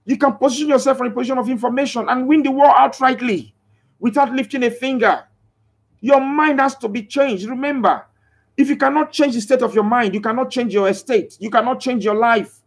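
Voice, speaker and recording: A man with an extremely high-pitched voice, talking a little fast, hosts a motivational live broadcast promoting a crypto scheme. He preaches with emphatic repeated phrases and pauses to read and answer viewers' comments.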